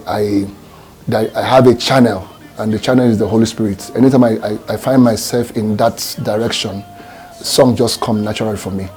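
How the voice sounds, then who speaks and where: Fairly low in pitch and a little mellow, this Nigerian man's voice belongs to a gospel singer. He responds to an interviewer thoughtfully but haltingly, restarting often and leaning on fillers.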